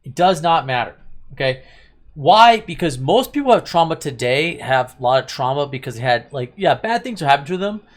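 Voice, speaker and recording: A man's voice: fairly high pitch, sing-song, a little fast. Rambling, opinionated man reviewing anime. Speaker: host of an anime review channel. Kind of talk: casual review chat.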